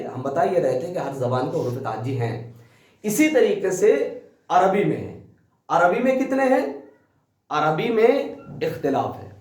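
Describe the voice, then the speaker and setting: A man teaching a class, who explains things slowly step by step and keeps quizzing his students. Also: on the high side, darkish tone. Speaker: tajweed teacher. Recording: echoey room, distant mic.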